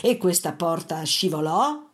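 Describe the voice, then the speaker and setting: A woman narrating a fairy tale at a very slow, unhurried pace. Her telling is gentle and expressive, drawing out each phrase. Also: on the low side, slightly rough. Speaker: storyteller. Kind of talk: storybook narration.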